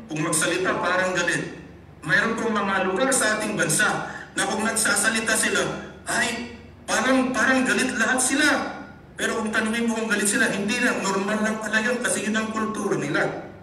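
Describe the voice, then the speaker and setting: A man's voice: high voice, steady tone, a little fast, pushed and bright. A man from the Philippines, a pastor, preaching a sermon and mixing Tagalog with English while he often calls out to his brothers and sisters. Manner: preaching with repeated addresses to the congregation; mixes Tagalog and English in teaching. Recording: echoey room, mic far off, faint hiss.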